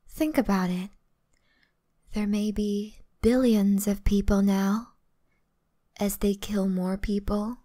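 A woman playing a flirtatious, gentle but predatory female vampire in an ASMR role-play, teasing and softly boastful. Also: medium pitch. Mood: calm, matter-of-fact.

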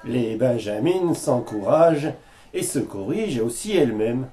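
A man reading a scripted news report as a voice-over, in a measured and unhurried way. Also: mid-range voice, very animated, dark tone, a little hiss or hum. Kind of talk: scripted narration.

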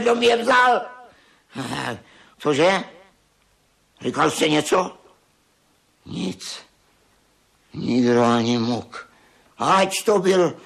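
Old miser father, gravelly and high-pitched, blustering and frantic. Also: a bit bright, full character voice. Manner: blustering, frantic when robbed. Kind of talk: radio play acting.

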